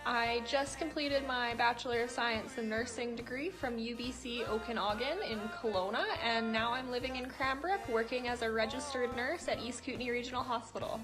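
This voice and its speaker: A woman's voice: a little high, steady tone, normal speed, hardly any pauses. Young woman introducing herself over music. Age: 20s. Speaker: family member in a greeting video. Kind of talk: self-introduction.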